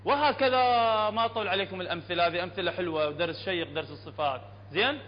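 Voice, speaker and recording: A high-voiced man with an Iraqi Arabic accent teaches a Quran recitation lesson, drawing out letter sounds to demonstrate them and checking that his listeners follow. The recording is dull and lo-fi, with a long hall echo and a faint hum behind him. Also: expressive. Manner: explanatory, checks understanding often, demonstrates sounds slowly. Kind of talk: classroom lesson on tajweed.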